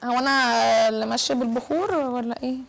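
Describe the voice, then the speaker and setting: A woman with an Egyptian accent, a guest on a prank show, irritated and sharp-tongued, insisting she wants to leave. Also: a little high, fast, creaky. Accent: Egyptian Arabic. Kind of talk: heated argument on a prank show.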